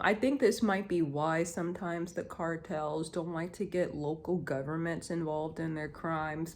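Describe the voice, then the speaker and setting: A woman's voice: on the low side, darkish tone. A woman vlogging to camera in a heated, rambling rant, swearing often and restarting her sentences. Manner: rambling, profane, heated, many fillers and restarts.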